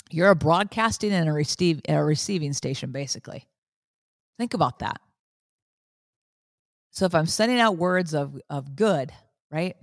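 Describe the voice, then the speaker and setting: A woman in her fifties giving a motivational faith talk as podcast host, earnest and preachy, repeating phrases and jumping up in pitch when she stresses a point. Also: no echo, studio quality. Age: 50s.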